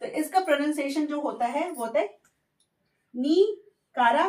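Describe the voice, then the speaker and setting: A woman teaching Spanish words in Hindi, repeating each word slowly and clearly for learners. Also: high voice, animated, far from the mic. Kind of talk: language lesson explained in Hindi. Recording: echoey room, voice off-mic.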